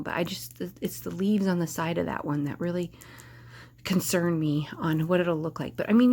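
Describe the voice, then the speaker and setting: A woman's voice: lowish voice, a little mellow. A woman vlogging casually to camera, rambling and hesitant, with lots of filler words and restarts.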